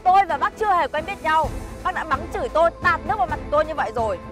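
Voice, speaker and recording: A woman's voice: high voice, lively intonation, rapid-fire, over music. A young actress playing a blunt, defiant young woman who answers back firmly and coldly. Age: young adult. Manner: blunt, cold, firm retorts.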